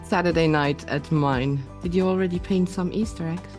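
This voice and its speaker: A woman hosts an online talk show over a video call. She chats in a friendly, easy way. Her voice sits low, with faint music behind it. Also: steady tone, moderate pace, darkish tone. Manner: friendly, laughing, with fillers. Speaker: host. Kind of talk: casual interview talk.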